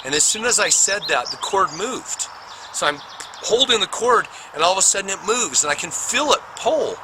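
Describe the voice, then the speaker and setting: A middle-aged man telling his own near-death story as a personal testimony, animated and dramatic, with spoken sound effects. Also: high-pitched, moderate pace. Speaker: speaker recounting a near-death experience. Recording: noticeable background noise.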